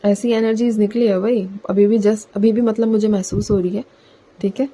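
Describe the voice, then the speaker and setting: A woman talks her viewers through a collective tarot reading in a loose, chatty way, often tagging her sentences with "theek hai". Her voice is mellow and warm, pitched in a middle range. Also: fairly even intonation, moderate pace, poor audio. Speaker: tarot reader.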